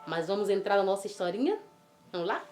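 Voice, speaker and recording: A woman telling a Bible story to children, animated and coaxing, asking the listener questions. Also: mid-range voice, fast talker. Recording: roomy with faint music.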